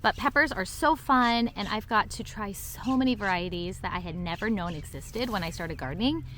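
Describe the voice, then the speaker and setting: A woman's voice: mid-range voice, lively intonation, normal speed, fairly bright tone, a little hiss or hum. A woman giving a casual walk-and-talk tour of her vegetable garden, chatty and bubbly, laughing at her own slips, recorded outdoors on a camera she carries.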